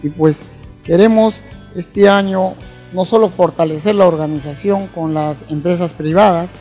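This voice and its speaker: A middle-aged man with a Peruvian Spanish accent, interviewed in a formal hall with a handheld mic, promoting an event with many pauses and fillers. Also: high voice, a little mellow, soft background music. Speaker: event organizer. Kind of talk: on-camera interview. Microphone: handheld station mic.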